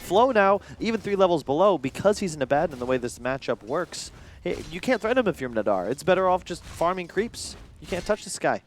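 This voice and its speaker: An American man calling a live esports match with lively play-by-play, quick exclamations and vivid phrasing. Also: a little high, slight background noise.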